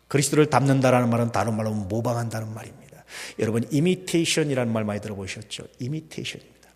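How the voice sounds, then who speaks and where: A man preaching a sermon as pastor, swinging between loud emphatic peaks and hushed near-whispers, full of rhetorical questions to the congregation. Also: mid-range voice, creaky. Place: church sanctuary. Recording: long hall reverb.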